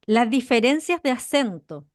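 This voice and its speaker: A woman co-hosting a podcast, explaining ideas in an animated conversational way and stressing key words. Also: fairly high pitch, a little slow, no room sound, studio quality. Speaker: podcast co-host.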